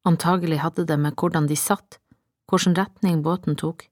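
A woman narrating an audiobook in a calm, measured storytelling manner. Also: low voice, no room sound, clean studio sound. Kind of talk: scripted narration.

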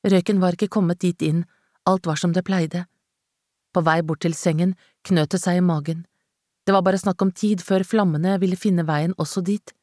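Low-voiced woman reading a dramatic story. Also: fairly even intonation, dark tone, dry recording. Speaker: audiobook narrator. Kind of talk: scripted narration. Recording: dry close studio sound.

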